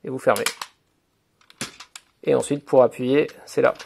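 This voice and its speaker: Male toy reviewer, mid-pitched, fry-tinged voice, hesitant step-by-step demo delivery. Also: fairly even intonation, a little slow, a little mellow, slight background noise. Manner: hesitant, filler-heavy explaining, "donc voilà"; talks to camera while handling a toy. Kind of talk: hands-on toy review demonstration.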